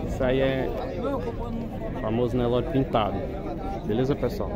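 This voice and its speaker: A man's voice: mid-range voice, steady tone, normal speed. A man with a Northeastern Brazilian accent giving casual commentary as he films a cattle fair, speaking straight to his viewers and repeating prices. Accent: Northeastern Brazilian Portuguese. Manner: addresses viewers constantly, repeats prices, upbeat. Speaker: vlogger filming a cattle fair. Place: outdoor cattle market, crowded. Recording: loud crowd noise behind.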